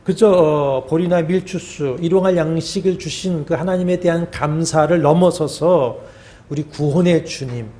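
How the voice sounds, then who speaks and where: Male pastor, sermon delivery, mellow and slightly high, measured phrasing with fillers and falling endings. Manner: measured preaching with drawn-out pauses and fillers; voice drops at phrase ends. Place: church sanctuary.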